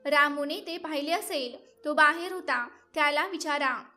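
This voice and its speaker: A woman's voice: high voice, moderate pace, pushed and bright, faint music behind. A woman voicing a wronged young village woman who pleads to be believed, in a plain storybook reading. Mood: pleading.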